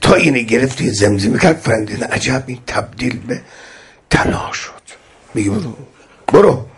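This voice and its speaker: A man preaching a sermon, telling religious stories with impassioned, rising pleas that drop low again. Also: animated, a little hiss or hum. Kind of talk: Shia sermon with storytelling.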